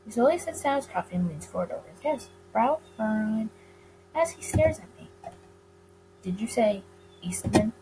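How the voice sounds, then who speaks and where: A woman plays through a visual novel in a let's play, reading the story text aloud, stumbling over the odd word and rereading lines. Her voice is a little high, animated and a little fast. The recording is rough, with music and clear background noise.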